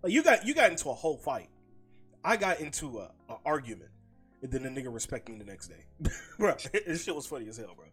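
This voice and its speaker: A young man talks through his views in relaxed street slang, swearing often and tossing in "bro" every few phrases. His voice has an ordinary male pitch, with faint music behind it. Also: quick pace, breathy edge. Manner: laid-back, slangy, profane, says "bro" often. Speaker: podcast co-host. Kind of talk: casual opinion chat.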